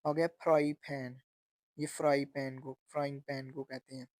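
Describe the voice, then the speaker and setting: A man teaching textbook vocabulary, slowly repeating each word and its meaning. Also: medium pitch, level tone, a little mellow, dry recording. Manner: slow and repetitive, spelling out sounds and meanings. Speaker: language teacher.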